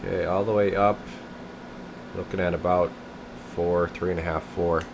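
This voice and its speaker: A radio technician with a deep voice talks at a normal speed while showing off a CB radio he has tuned up. He thinks aloud informally as he works through this casual, hands-on repair demo. The audio is clear, with a steady air conditioner hum in the background.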